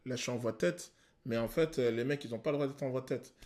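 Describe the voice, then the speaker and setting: A male vocal coach explaining singing technique to viewers, pausing to sing short examples. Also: medium pitch, darkish tone. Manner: explanatory, addresses viewers, sings short demos. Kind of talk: vocal analysis video commentary.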